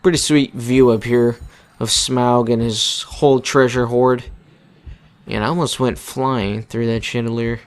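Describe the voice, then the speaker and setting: A man's voice: medium pitch, fairly even intonation, a little slow, smooth. A young man giving casual, laid-back commentary while playing a video game, talking colloquially. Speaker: gamer narrating a playthrough.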